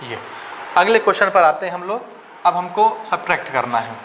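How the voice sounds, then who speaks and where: High-voiced man teaching maths step by step. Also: very animated, brisk, noisy background. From India. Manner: repetitive, questioning, checks understanding often. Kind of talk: classroom lesson explaining step by step.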